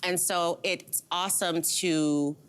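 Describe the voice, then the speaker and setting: Chatty Canadian woman chef, low voice. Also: takes it slowly, slight background noise. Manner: relaxed, chatty, laughs easily, many "like" fillers. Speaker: chef guest. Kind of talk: casual cooking demo chat. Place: TV studio.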